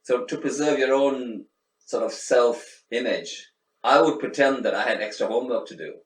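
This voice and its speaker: Speaking at medium pitch and a moderate pace, a middle-aged Sri Lankan man gives a relaxed, reflective interview marked by many restarts and fillers. Faint background noise and room echo come through a far-off microphone.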